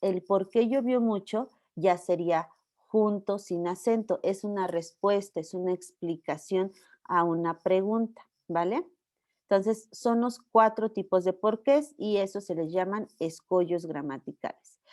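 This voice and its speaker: A woman's voice: lowish voice, measured pace, a little mellow. A Mexican woman teacher giving a university class, explaining step by step and checking that students follow. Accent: Mexican Spanish. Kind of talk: online class lecture.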